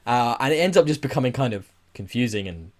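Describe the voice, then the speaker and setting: A podcast co-host with a mid-range voice talks fast and animatedly, chatting casually about films and games. He's enthusiastic, emphatic and sweary.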